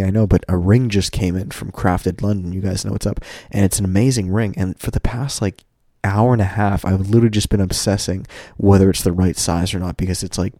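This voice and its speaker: This podcast host talks solo, loose and candid, wandering from point to point for his listeners while sounding slightly congested. His low voice carries a warm tone, and the recording is dry and clean, studio-grade.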